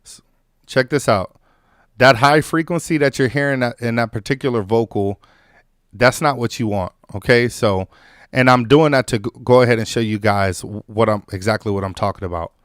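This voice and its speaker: A man hosting a music production tutorial in a loose, conversational way, full of fillers and restarts, his voice still a little hoarse from an illness. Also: medium pitch, moderate pace, fairly bright tone, dry recording, clean studio sound. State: recovering from illness, slightly hoarse. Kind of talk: casual on-screen tutorial.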